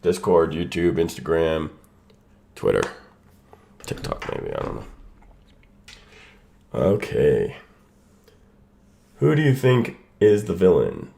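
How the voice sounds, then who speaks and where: Slow and often pausing, the sick streamer greets his chat by name and talks casually while setting up his watch party, his voice congested by a sinus infection. It is low, gravelly and dark, with huge swings in pitch. An echo from unmuted stream audio runs underneath.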